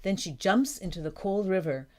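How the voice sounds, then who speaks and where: A woman reading a storybook for learners aloud, slowly and carefully, announcing each page. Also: mid-range voice, lively intonation, a little mellow. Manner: slow, careful, clear reading. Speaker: audiobook narrator. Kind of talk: scripted narration of a graded reader.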